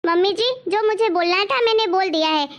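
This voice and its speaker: Brief: woman doing a demanding daughter-in-law, high voice, bossy and defiant. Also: a little fast, lo-fi sound. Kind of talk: family drama acting.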